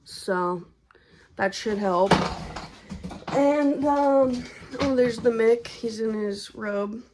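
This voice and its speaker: A woman's voice: fairly high pitch, drawn-out words, background noise. A young woman vlogging a casual update about her pregnancy, chatty and slangy, and out of breath from being heavily pregnant. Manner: chatty, slangy, laid-back.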